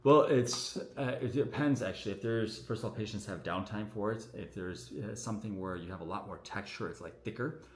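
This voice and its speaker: A man, a doctor, answering viewer questions on a casual livestream in a relaxed, chatty way full of fillers, his voice echoing around the room. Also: fairly low pitch, fairly quick, hardly any pauses. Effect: echoing room sound on the stream. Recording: echoey room audio on a livestream.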